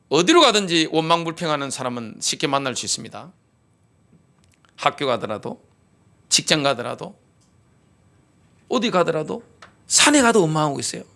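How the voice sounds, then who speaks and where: A middle-aged pastor preaches a sermon, hammering his points home through rhetorical questions, repetition and a call-and-response style. His voice is high-pitched, gravelly, pushed and bright.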